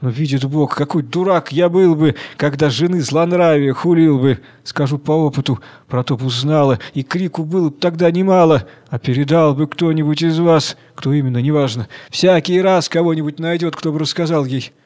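A man's voice: on the high side, moderate pace, hardly any pauses, a little mellow, lightly acted. A henpecked tavern keeper grumbles about wives and confides his troubles to his friends, as a male reader puts him on. His tone is rueful and talkative, in rhymed storybook verse. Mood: grumbling.

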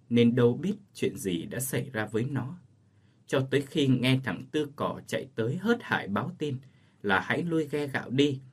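A man's voice: medium pitch, husky. A man voicing a grieving, blunt middle-aged village aunt in a read ghost story, in a plain storytelling way. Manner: plain storytelling delivery of quoted speech.

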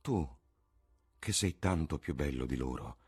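A man voicing an earnest, devoted painter who speaks in a low, subdued, pleading way. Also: animated, a little slow, a little mellow, husky, soft background music, exaggerated voice.

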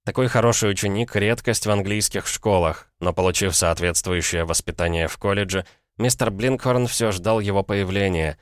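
A man narrating a novel as an audiobook reader, in an even storytelling manner. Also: on the low side, moderate pace, dry recording, studio quality. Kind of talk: scripted narration.

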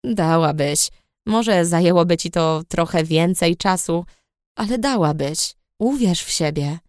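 Lady doing a soft-spoken sly young guy, lowish voice, dry close sound. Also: unhurried, no room sound, natural voice. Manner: hushed, low-key. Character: young man, sly and charming. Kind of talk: audiobook character voice.

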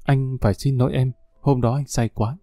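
Narrator doing a soft-spoken young soldier, earnest, warm low voice, storybook. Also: male voice, fairly even intonation, moderate pace, dry recording, clean studio sound, natural voice. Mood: remorseful. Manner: soft, earnest dialogue reading. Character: young soldier, gentle and remorseful.

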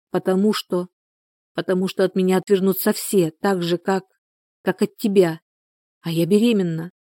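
A woman's voice: medium pitch, dark tone, no echo, clean studio sound, close to an everyday voice. A woman reading an audiobook, voicing a distraught, tearful pregnant young woman who pleads in broken repetitions.

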